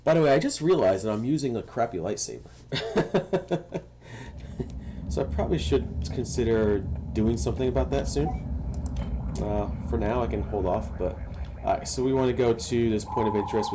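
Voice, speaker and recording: A man casually narrating a game walkthrough, explaining each step to viewers in a relaxed, instructive way. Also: lowish voice, a little fast, background noise. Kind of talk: casual gameplay tutorial narration.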